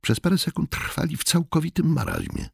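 A man narrating a thriller with a husky, slightly breathy voice and a lively, rising and falling delivery. He voices the characters himself. The sound is dry and close. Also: on the high side, brisk, no room sound. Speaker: audiobook narrator.

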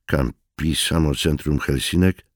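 A nervous male friend, put on by a male narrator, jittery and muttering, pitched a little lower than the narration. The voice is husky. The sound is dry and close. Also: unhurried, no echo. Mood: grim.

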